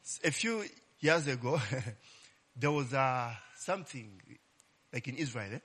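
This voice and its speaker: A man with a mid-range, fairly bright, slightly rough voice preaches a little slowly, his intonation lively. It's a casual Bible-teaching sermon built on call-and-response, full of "eh?" tags and cries of "Glory be to God" and "Hallelujah."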